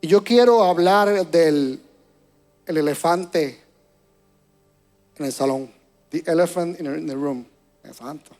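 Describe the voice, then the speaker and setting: A man preaching a sermon to a church congregation, moving between hushed and loud passages and often repeating words as he searches for them. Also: fairly high pitch, takes it slowly, pauses often, faint music behind. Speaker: pastor.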